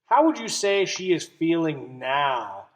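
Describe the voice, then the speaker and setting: A man's slightly high, sing-song voice takes its time as he reads a picture book like a teacher would. He stops to explain things and ask the little listeners questions.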